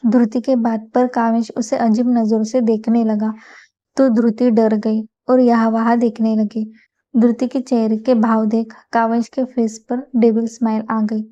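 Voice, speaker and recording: A woman narrating a romance audiobook in a steady, even reading. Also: fairly high pitch, moderate pace, dull audio. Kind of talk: scripted story narration.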